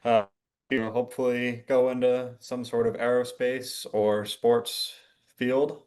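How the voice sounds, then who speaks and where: A man's voice: mid-range voice, little pitch movement, a little slow, a little mellow. A young man in his twenties from New York, an engineering graduate, introducing himself briefly and plainly. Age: 20s.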